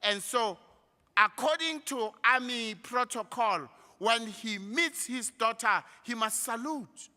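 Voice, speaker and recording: A man with a South African accent giving a graduation address in a large hall. He speaks slowly and emphatically, rising like a preacher on key points. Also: very high voice, sharp tone. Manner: slow, emphatic speechmaking with a preacher-like rise. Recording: reverberant hall through a PA.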